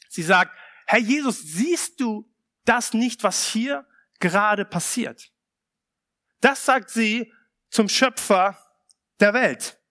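A man preaching a sermon. He reads a Bible passage aloud, then explains it in a calm, measured way, mixing in casual asides. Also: high voice.

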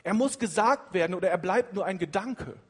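Animated, husky-voiced German preacher man. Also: high-pitched, fairly quick, in a large hall. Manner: animated, shifting between loud emphasis and hushed lines. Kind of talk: sermon.

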